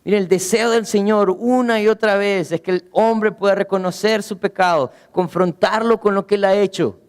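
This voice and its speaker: Man, pastor's sermon, high voice, earnest rhetorical questions, long church reverb. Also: fairly even intonation, clear, resonant tone. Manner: earnest preaching with rhetorical questions, slows and drops low for emphasis.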